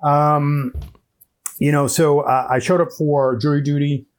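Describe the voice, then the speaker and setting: A man guest on a podcast, telling a story in a measured, deliberate way over a headset microphone. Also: fairly high pitch, little pitch movement. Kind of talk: casual storytelling chat.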